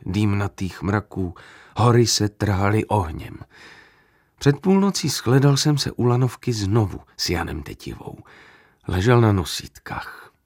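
A man narrating a literary story in the first person, in a measured, dramatic way. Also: lowish voice, no echo, studio quality.

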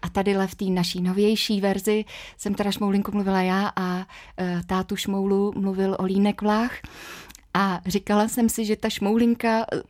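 A middle-aged woman, an actress and dubbing artist, chatting in a radio interview and telling stories with quoted voices. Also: mid-range voice. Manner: chatty, lively storytelling with fillers and quoted voices. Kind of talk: conversational interview.

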